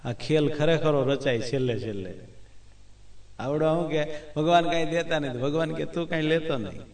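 A man delivers a devotional discourse in a chatty, questioning way. His voice sits a little high. The recording is distant and echoey, as if the mic was set back in a reverberant room. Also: moderate pace, darkish tone. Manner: conversational, asks listeners "understood?". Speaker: religious speaker.

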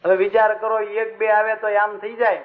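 High-voiced preacher telling stories. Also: male voice, normal speed. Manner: animated storytelling with questions to listeners. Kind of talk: devotional story sermon. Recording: dull recording with faint music.

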